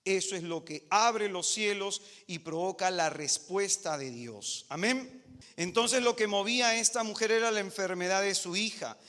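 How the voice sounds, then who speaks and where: A man's voice: sits high, moderate pace, fairly bright tone, big-room sound. A male preacher delivering an emphatic, dramatic sermon full of rhetorical questions.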